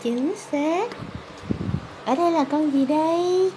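A woman's voice: sits high, slow. A woman with a southern Vietnamese accent, a mother reading a picture book to her toddler, prompting with questions and encouraging. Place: hard-tiled room at home. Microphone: handheld phone camera. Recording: noisy handheld home phone video.

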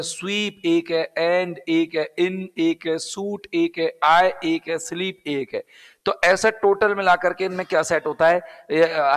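A man's voice: on the high side, fairly bright tone, in a large hall. A male English teacher from Rajasthan with a Rajasthani Hindi accent, teaching a live exam-prep class step by step, repeating key words and asking and answering his own questions.

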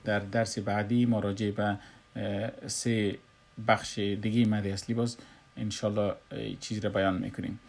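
A man with an Afghan Dari accent teaches Quran recitation in a recorded lesson, explaining slowly and pausing often with "uh". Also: lowish voice, flat delivery. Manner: slow, explanatory, with frequent "uh" pauses.

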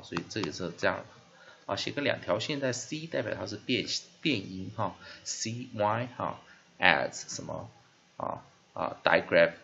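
Gravelly-voiced man teaching English sounds. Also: on the low side, sharp tone. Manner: drawn-out repeated demonstration of word sounds, many filler "ah"s. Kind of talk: spelling and phonics lesson. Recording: dull lo-fi recording with faint hiss.

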